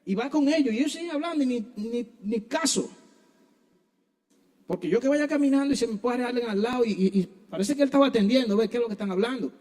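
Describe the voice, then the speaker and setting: A man's voice: very high voice, fast, darkish tone. A man preaching a sermon in church, earnestly addressing his listeners as brothers.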